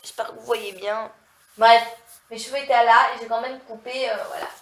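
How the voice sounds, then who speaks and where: A woman's voice: on the high side, fairly even intonation, brisk. Chatty nasal woman vlogger. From southern France. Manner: chatty, rambling, heavy on fillers. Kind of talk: casual vlog chat.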